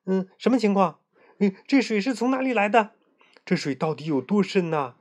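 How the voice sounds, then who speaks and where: A storyteller voicing an excited troop of curious monkeys firing quick questions in a children's story. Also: medium pitch, pitched above the performer's own voice, lightly acted.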